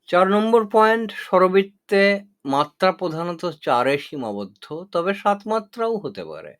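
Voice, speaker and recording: Brief: male poetry teacher, unhurried and deliberate, slightly high voice. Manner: slow, measured, deliberate delivery with pauses and fillers. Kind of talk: explanatory lesson with recited verse.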